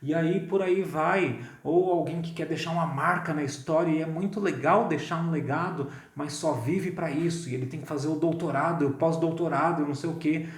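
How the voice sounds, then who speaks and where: Chatty Brazilian preacher in a roomy hall. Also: male voice, a little high, normal speed, hardly any pauses. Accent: Brazilian Portuguese. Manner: conversational, lively, keeps asking "né?". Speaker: pastor. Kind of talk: sermon. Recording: roomy echo.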